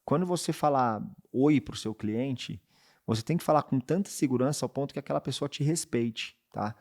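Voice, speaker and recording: A man gives relaxed podcast advice to salespeople, often tacking on quick check-in questions as he talks. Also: medium pitch. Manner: conversational, checks in with frequent tag questions. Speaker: podcast host and sales coach. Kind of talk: casual advice talk.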